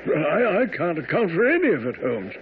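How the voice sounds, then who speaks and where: High-pitched, puzzled Doctor Watson. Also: male voice, very animated, brisk, narrow, tinny audio. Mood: hesitant, earnest. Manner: hesitant, stammering, questioning. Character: earnest, puzzled English doctor, detective's loyal companion. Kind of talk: 1970s radio drama acting. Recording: thin, noisy old radio recording.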